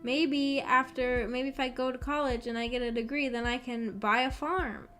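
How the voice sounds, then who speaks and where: Background music sits beneath a young woman's high-pitched, slightly bright voice as she streams, speaking at a moderate pace in a steady tone. She rambles hesitantly to her live chat, often self-effacing.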